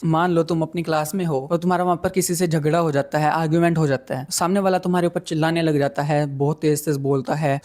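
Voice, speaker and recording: Young male coach, fast and commanding, mellow low-toned delivery, blunt advice with English phrases mixed in. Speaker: communication skills coach. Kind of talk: direct-to-camera advice monologue.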